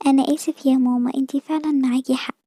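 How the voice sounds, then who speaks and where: A woman's voice: high-pitched, fairly even intonation, rapid-fire, warm tone, no echo, studio quality. A woman voicing a frightened little boy squirrel with an Egyptian Arabic accent, pleading and panicky. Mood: sheepish. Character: scared little boy squirrel, fearful of shots.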